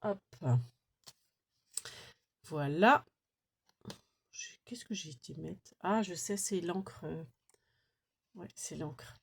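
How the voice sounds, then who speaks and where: A woman talks casually to her viewers as she unpacks craft mail. She exclaims warmly over each small detail, and she muses aloud as she goes. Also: fairly low pitch, very slow, gravelly, pauses often, husky. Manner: chatty, thinks aloud with fillers. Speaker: craft vlogger opening mail.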